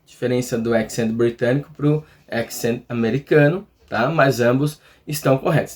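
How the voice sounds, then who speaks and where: A man with a Brazilian accent teaching a casual lesson, chatty, checking in often with his listeners. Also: on the high side. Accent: Brazilian Portuguese. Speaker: English teacher.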